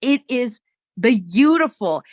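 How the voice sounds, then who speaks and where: Woman podcast host, candid and animated storyteller, dry close-mic sound. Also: a little high, slow, no echo. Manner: animated, candid, swears casually.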